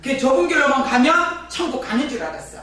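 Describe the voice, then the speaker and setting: Heard from a distance, this high-pitched woman speaks a little fast as she delivers a sermon of personal testimony. She's a pastor and a lively storyteller who chats with the congregation, and the church sounds very echoey from afar, with a faint hum underneath.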